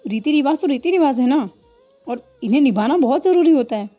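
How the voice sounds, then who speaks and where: A woman's voice: high-pitched, animated, fairly quick, dull audio, soft background music. A woman voicing a traditional middle-aged mother who insists on customs in a motherly way. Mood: firm.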